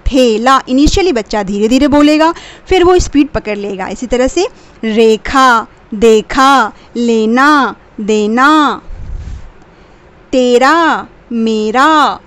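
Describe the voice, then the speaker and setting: High-pitched lady, thirties, explaining letter sounds for parents, slow and patient, drops in english bits. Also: fairly bright tone. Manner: patient, spells sounds out slowly; mixes English phrases into Hindi. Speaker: teacher of a children's channel. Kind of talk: instructional talk to parents.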